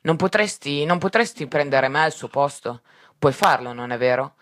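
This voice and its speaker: A man's voice: on the high side, animated, normal speed, a bit bright, no echo, studio quality. A man reading aloud and voicing an old, brave husband who pleads earnestly. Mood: pleading.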